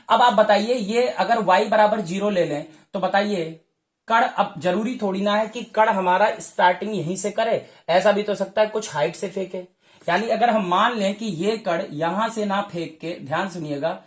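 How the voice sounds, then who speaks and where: Man teaching physics in an echoey room. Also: sits high. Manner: explains step by step, checking in with frequent "okay"; addresses viewers fondly as dear children. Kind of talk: whiteboard exam-prep lesson.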